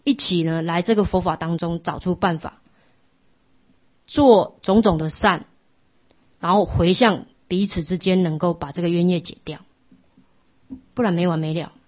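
A middle-aged woman, giving a patient, instructive Buddhist class lecture that often drops to a soft hush. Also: on the low side, moderate pace, pauses often. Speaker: Buddhist teacher. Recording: lo-fi muffled recording.

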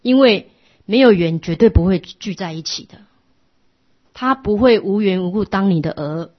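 A middle-aged woman, giving a patient, instructive Buddhist class lecture that often drops to a soft hush. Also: mid-range voice, moderate pace. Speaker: Buddhist teacher. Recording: lo-fi muffled recording.

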